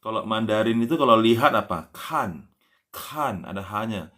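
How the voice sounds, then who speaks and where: A man with a fairly low voice gives a relaxed live-stream language lesson. He stretches example words out slowly and spells them letter by letter. Nearly every phrase trails off with a gentle "ya". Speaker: language teacher.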